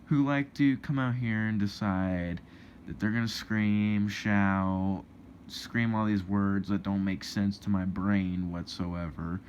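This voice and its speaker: A man's voice: on the low side, fairly even intonation, slow, darkish tone. A young man ranting indignantly to camera in a rambling vlog, with many restarts. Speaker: vlogger. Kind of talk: casual opinion rant to camera. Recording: dull lo-fi with faint noise.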